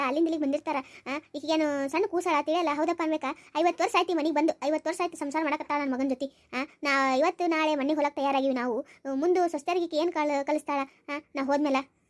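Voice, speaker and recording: Give me a bossy old grandmother who won't stop scolding, played by a woman, North Karnataka Kannada accent, high-pitched. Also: fast talker, natural voice. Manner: scolding, grumbling.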